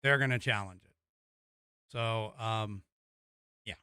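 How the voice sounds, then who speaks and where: Bright-voiced American man doing political commentary. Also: on the low side, slow pace, clear, resonant tone, no echo, clean studio sound. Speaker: host of a political commentary show. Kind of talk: casual political commentary with read-out news.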